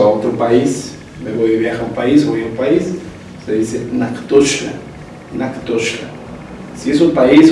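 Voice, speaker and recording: A man's voice: mid-range voice, dark tone. Man teaching German in an echoey room. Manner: slow, deliberate repetition of German phrases; conversational filler-laden explaining. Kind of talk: language lesson explaining vocabulary. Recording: echoey room, distant mic, background noise.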